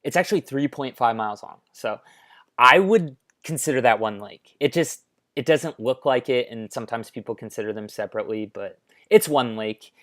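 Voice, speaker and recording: With lively intonation and a fairly bright, medium-pitched voice, an American man talks through maps at a normal speed in an informal explainer full of offhand remarks. He uses a headphone mic.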